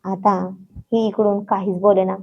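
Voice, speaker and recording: A woman reading a story aloud in a steady, plain storybook narration. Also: mid-range voice, moderate pace, slight background noise. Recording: dull lo-fi sound.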